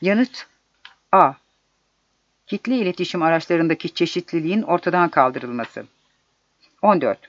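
A man with a high voice reads exam questions and their solutions aloud in a measured, deliberate way. The recording is dull and lo-fi and very dry, with no room sound at all. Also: lively intonation, fairly bright tone, no echo. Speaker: exam prep narrator.

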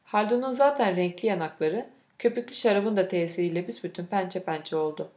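A woman's voice: on the low side, a little fast, darkish tone. Woman narrating a novel, echoey room. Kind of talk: scripted audiobook narration.

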